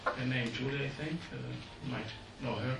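A man's voice: mid-range voice, vocal fry, far from the mic, noisy background. Earnest man speaking in an echoey hall. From Jordan. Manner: earnest, halting non-native English. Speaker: speaker at a public meeting. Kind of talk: public speech. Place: meeting hall.

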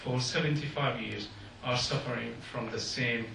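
A man's voice: medium pitch, steady tone, creaky, sharp tone, far from the mic, slight background noise. Earnest man speaking in an echoey hall. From Jordan. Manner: earnest, halting non-native English. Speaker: speaker at a public meeting. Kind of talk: public speech. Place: meeting hall.

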